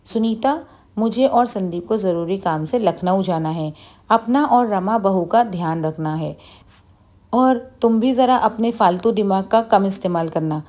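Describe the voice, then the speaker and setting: A woman's voice: mid-range voice, measured pace, a little mellow, close to an everyday voice. A woman doing a kindly older father-in-law. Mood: fatherly.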